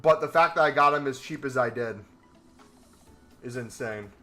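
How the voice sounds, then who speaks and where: Faint music plays behind a young trading streamer as he talks in a relaxed way to his chat, seated in a gaming chair in a small indoor room. He speaks at a moderate pace with a medium-pitched, fairly bright voice.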